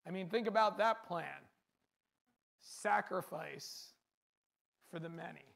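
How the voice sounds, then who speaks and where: A man's voice: high-pitched, slow, gravelly, fairly bright tone. A man preaching a sermon, speaking earnestly in a repetitive cadence and often asking rhetorical questions.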